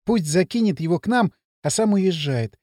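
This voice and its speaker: Man reading scared teenage girl, lightly acted, high lively voice, dry. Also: normal speed, no room sound. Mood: worried. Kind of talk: audiobook role reading.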